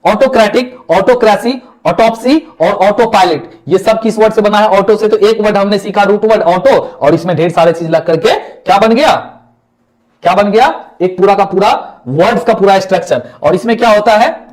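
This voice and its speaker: High-voiced Bihari Hindi teacher. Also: male voice, normal speed. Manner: asks and answers his own questions, repeats words. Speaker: English teacher. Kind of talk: classroom lecture.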